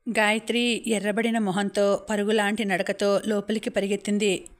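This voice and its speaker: Woman narrating an audiobook in a flat voice. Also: medium pitch, moderate pace. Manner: steady, even reading. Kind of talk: scripted story narration.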